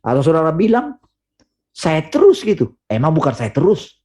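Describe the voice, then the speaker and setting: A man's voice: sing-song, fairly quick, dark tone, slightly rough. Earnest preacher man on a video call. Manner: earnest and emphatic, rising to urgent questions then dropping low. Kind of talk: sermon.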